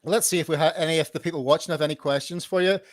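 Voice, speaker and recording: A man's voice: on the high side, steady tone, racing, dry recording, studio quality. A man hosting a casual podcast interview, chatty and encouraging, often repeating words while he finds them. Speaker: podcast host. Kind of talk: casual live-stream interview.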